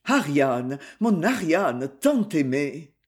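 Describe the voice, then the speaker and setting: A man voicing an earnest, devout young man in love, slow and solemn. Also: on the high side, sing-song, pitched below the performer's own voice. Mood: ardent, tender.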